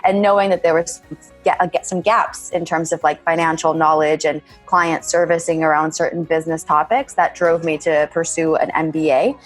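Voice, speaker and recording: Low, flat-voiced woman in her thirties. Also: soft background music. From born in Bulgaria, raised in California. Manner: measured, often says "kind of". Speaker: MBA graduate interviewee. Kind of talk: reflective interview answers.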